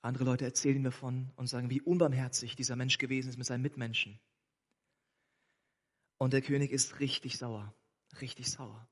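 A man's voice: mid-range voice, little pitch movement, fairly quick, long pauses. A man preaching a sermon, retelling a parable and addressing the listeners directly. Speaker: pastor.

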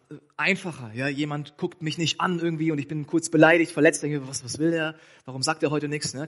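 Brief: man, pastor, preaching in a storytelling manner, pitch a bit high. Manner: storytelling, addresses listeners directly. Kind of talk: sermon.

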